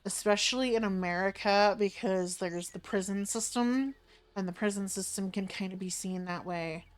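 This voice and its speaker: A woman hosts a game livestream with a casual, conversational monologue. Her voice is clean and smooth, sitting at an average pitch as she addresses her viewers. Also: normal speed.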